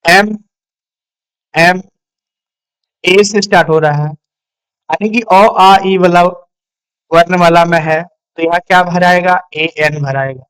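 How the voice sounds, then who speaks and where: A man giving a grammar lesson in a fairly high voice. He speaks very slowly and deliberately. He keeps repeating the example words and answers his own questions as he goes. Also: fairly even intonation, a bit bright, smooth. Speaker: English grammar teacher. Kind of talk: classroom lesson.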